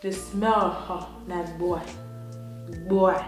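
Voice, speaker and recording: A woman's voice: fairly low pitch, steady tone, very slow. A young Nigerian woman with an Edo accent, chatting her way through a makeup tutorial in Pidgin English, laughing often. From Nigeria, Benin City, Edo State. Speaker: beauty vlogger. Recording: very echoey room, soft music behind.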